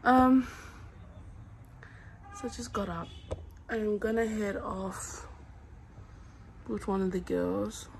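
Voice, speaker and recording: A woman's voice: medium pitch, takes it slowly, gravelly, pauses often. A young adult woman talks casually to her vlog viewers. Her manner is informal and a little drowsy, with a mid-range voice. The handheld phone recording carries faint background noise. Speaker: vlogger. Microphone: phone at arm's length. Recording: noisy handheld phone recording, ambient sounds.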